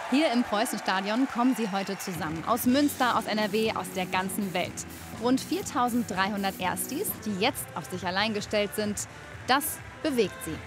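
A woman's voice: medium pitch, expressive, moderate pace, over music. Woman narrating a cheerful news feature. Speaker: reporter. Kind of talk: scripted report narration.

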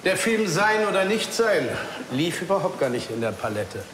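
A man's voice: sits high, very animated, moderate pace, long reverb tail, noisy background. Wry, needling male detective. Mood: probing, ironic. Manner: needling, ironic, conversational.

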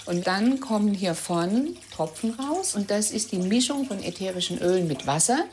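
A woman's voice: mid-range voice, lively intonation, normal speed, darkish tone, a little hiss or hum. A woman aromatherapist explaining a distillation step by step in a plain, instructive way. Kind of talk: explaining a demonstration.

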